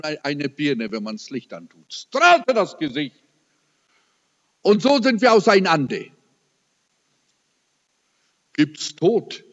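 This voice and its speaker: A man's voice: a little high, fairly bright tone. An older man preaching a sermon, telling a personal story with emotional, dramatic swings. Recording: reverberant hall, dull lo-fi sound.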